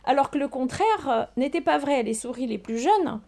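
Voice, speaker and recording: Older woman, gravelly. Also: sits high, animated, normal speed, dark tone. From Portugal. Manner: hesitant, many fillers and restarts. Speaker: research scientist guest. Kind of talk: casual interview answers.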